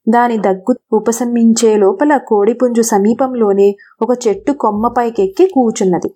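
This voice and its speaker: A woman telling a children's animal fable in an even, expressive storyteller's manner. Her voice sits slightly high but sounds mellow and warm rather than bright. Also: moderate pace.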